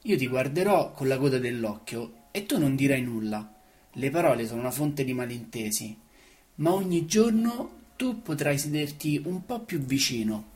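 A woman's voice: extremely low pitch, lively intonation, moderate pace. A woman voicing a wise, wistful fox who longs to be tamed, speaking earnestly and explaining. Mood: patient. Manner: earnest, explaining, a little louder.

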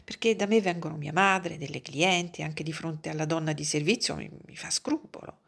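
An excitable male lawyer exclaims over a gift, voiced by a woman reading the story. The voice is low and husky, with a gravelly texture. It is a storybook reading. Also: normal speed, full character voice. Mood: embarrassed.

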